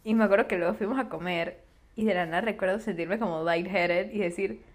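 A young woman with a Panamanian accent, co-hosting a casual podcast, telling lively stories, swearing freely and slipping into English. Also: mid-range voice, a little fast. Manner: swears often and slips into English; lively storyteller. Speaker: podcast co-host. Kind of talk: casual chat.

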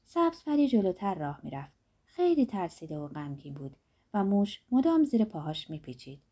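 Husky-voiced woman telling a fairy tale. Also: medium pitch, big pitch swings. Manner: soft, dreamy, fairy-tale telling with sentences trailing off quietly. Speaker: narrator. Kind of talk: storytelling narration.

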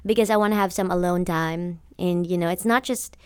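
A woman's voice: fairly low pitch, a little fast, clean tone, no room sound, clean studio sound. A young adult woman from the Philippines, a podcast guest telling her story in an earnest, friendly conversational way. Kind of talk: casual conversation.

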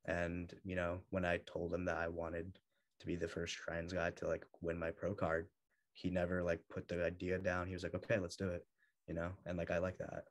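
A young man chatting in an interview, telling stories in a lively way and laughing often. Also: deep voice, moderate pace. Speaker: guest bodybuilder. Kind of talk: casual interview chat.

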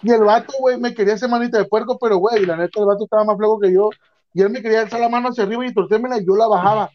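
A young man from Mexico, telling a story in casual chat, slangy and animated, acting out the other people's voices. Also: high-pitched, very fast, a little hiss or hum. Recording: dull lo-fi sound.

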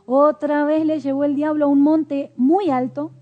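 A woman's voice: high-pitched, flat delivery, unhurried, narrow, tinny audio. A woman preaching a sermon in a conversational way, with rhetorical questions and light laughter.

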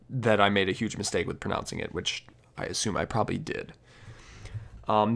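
A young man presenting art history in a casual, halting way, often stopping to correct how he pronounces names. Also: lowish voice, clean tone. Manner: hesitant, many fillers and restarts, self-correcting pronunciations. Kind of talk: casual educational narration.

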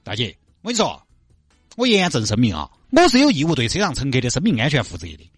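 A man's voice: medium pitch, huge pitch swings, quick pace, husky, no echo, studio quality, soft background music. A man voicing a kindly, fussing middle-aged bus driver with a Sichuanese accent who coaxes and chatters. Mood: persuading.

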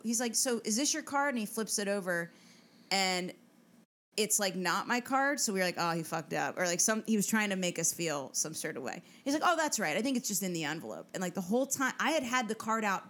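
A woman's voice: mid-range voice, fairly bright tone. A woman co-hosting a casual podcast chat, telling a story with energy, swearing freely and acting out what people said. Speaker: podcast co-host.

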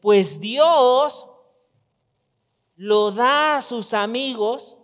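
A pastor delivers a sermon in a relaxed, talky way, slipping into little voiced quotes. His voice sits high for a man. The sound carries a long church-hall reverb. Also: drawn-out words. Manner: conversational preaching with acted-out quotes.

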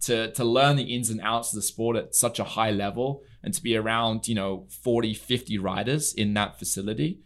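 A young Englishman, an equestrian entrepreneur, is a guest on a podcast, telling stories earnestly in a casual studio interview with many fillers. His voice is fairly low and fairly bright, at normal speed with hardly any pauses.

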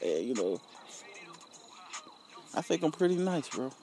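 A man's voice: on the high side, sing-song, measured pace, mellow, faint music behind. A young man chats casually to viewers in a laid-back, slangy, profanity-laced way, often checking for agreement. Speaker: rapper promoting own music. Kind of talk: casual solo vlog chat.

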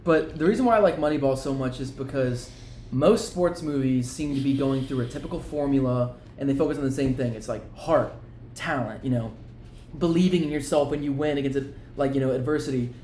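A man's voice: medium pitch, fairly quick, darkish tone, reverberant, slight background noise. A man chatting casually about movies, jokey and rambling, often restarting his sentences. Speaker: podcast co-host. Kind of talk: casual chat.

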